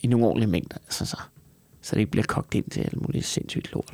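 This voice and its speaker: A man's voice: lowish voice, warm tone, no room sound. A Danish man hosting a casual podcast chat, swearing freely and ranting with incredulity. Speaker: podcast host; stand-up comedian.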